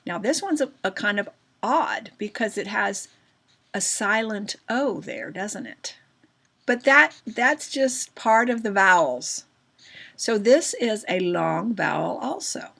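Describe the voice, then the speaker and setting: A woman teacher giving a recorded grammar lesson, patient and slow, often checking in with questions to her students. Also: medium pitch, animated, gravelly, fairly bright tone.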